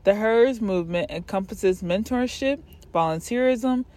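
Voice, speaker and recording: A woman's voice: mid-range voice, unhurried, a little mellow. A woman hosting a podcast, introducing her guest and affirming her answers. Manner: encouraging, affirming. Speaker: podcast host. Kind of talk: podcast interview.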